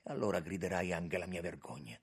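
A man reading an audiobook, voicing a bitter, ashamed old minister who mutters low and slow. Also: husky. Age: over 60 (figure).

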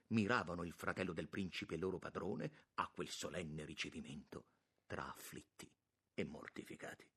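A man reading a literary novel aloud in a measured, expressive narration. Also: low voice, breathy edge. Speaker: audiobook narrator.

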